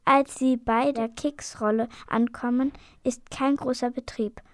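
Female storyteller, children's story, gentle, slightly high, dry close sound. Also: fairly even intonation, a little slow, no echo. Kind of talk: reading a children's story aloud.

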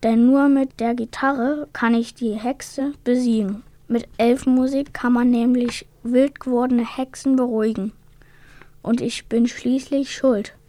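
A woman voicing a small, eager male elf with bright, excited exclaiming. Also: a little high, measured pace, no room sound, natural voice. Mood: determined.

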